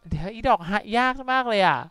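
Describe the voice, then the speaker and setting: A woman's voice: medium pitch, animated, quick pace, fairly bright tone, clear, resonant tone, dry recording, soft background music. A young Thai woman streaming a video game, chatting casually and mixing Thai-accented English with playful curses. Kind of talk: casual live game commentary.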